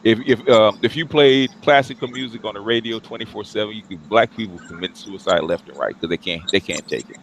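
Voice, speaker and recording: Rambling man with a low voice. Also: fairly quick, few pauses, a little hiss or hum, poor audio. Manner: rambling, repeats and restarts words. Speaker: show host. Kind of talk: casual chat. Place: Long Island.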